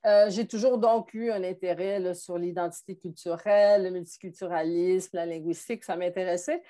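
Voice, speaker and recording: Podcast guest: Québécois woman, sixties, measured and thoughtful, pauses often. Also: on the low side, fairly even intonation, mellow. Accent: Québécois French. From Montreal, Quebec. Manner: thoughtful, frequent hesitations. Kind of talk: conversational interview.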